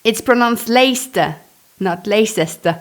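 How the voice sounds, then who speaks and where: Here a native French speaker from Belgium narrates her own memoir with a Belgian French accent. She takes an unhurried pace at a fairly high pitch, keeping things chatty and expressive with asides that seem to come on the spot.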